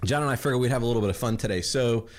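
A man's voice: medium pitch, racing. A man hosting a podcast from his kitchen, chatting and telling stories in a rambling way. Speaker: podcast host. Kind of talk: casual chat. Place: home kitchen.

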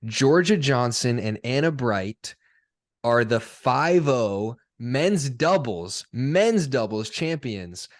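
A man's voice: medium pitch, lively intonation, takes it slowly. Young laid-back male podcast host. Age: young adult. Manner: laid-back, laughs often, chatty with many fillers. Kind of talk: casual chat.

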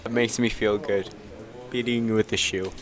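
A young man co-hosting a podcast, trading dry, quick comebacks in casual banter. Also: fairly low pitch, fairly even intonation, faint music behind. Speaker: podcast co-host.

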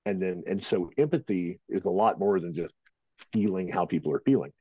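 A man's voice: low-pitched, expressive, a little fast, slightly rough, no room sound, highs cut off. A man being interviewed as a firearms instructor, answering at length in a casual, rambling way with many fillers. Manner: rambling, filler-heavy, conversational. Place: at home.

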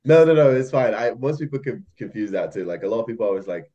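A young man raised in Malaysia, an algo trader, chats casually as a podcast guest, rambling with lots of fillers and laughter. His voice is medium-pitched and warm, with lively intonation and a quick pace, and the sound is lo-fi.

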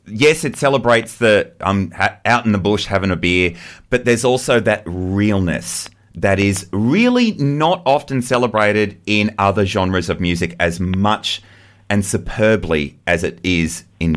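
A man hosting a radio show, chatting eagerly and gushing with excitement. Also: lowish voice, a little slow. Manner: excitable, gushing, laughs often. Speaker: radio host. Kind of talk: enthusiastic casual radio chat.

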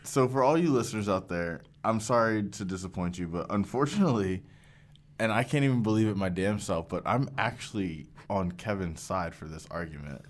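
A man co-hosting a casual podcast, loud and joking, swearing freely. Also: sits low, expressive, brisk. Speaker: podcast co-host.

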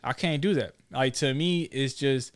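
This talk show host is a man in his thirties with a medium-pitched, clear and resonant voice at a moderate pace. His conversation is casual, slangy and full of probing questions.

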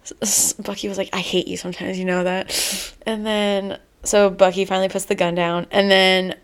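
A woman's voice: medium pitch, level tone, normal speed, clear, resonant tone. Chatty woman retelling a comic plot. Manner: rambling retelling, acting out quotes. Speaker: podcast co-host. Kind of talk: casual chat summarizing a comic.

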